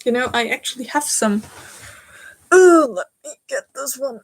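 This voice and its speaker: A young woman in her twenties with a German accent hosts a live stitching stream, chatting with viewers about their comments and giggling often. Her voice is high and animated, at a normal speed.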